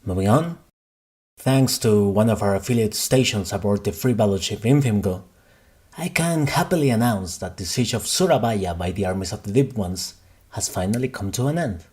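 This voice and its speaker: Guy doing radio dj in an audio drama, husky lowish voice, measured solemn announcing. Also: lively intonation, darkish tone. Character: composed post-apocalyptic radio DJ reading news. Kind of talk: scripted radio news and song announcing.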